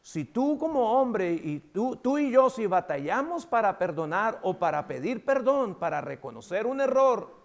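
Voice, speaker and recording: Animated high-voiced Mexican pastor. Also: male voice. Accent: Mexican Spanish. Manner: animated, acts out dialogue with big swings in loudness. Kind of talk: sermon.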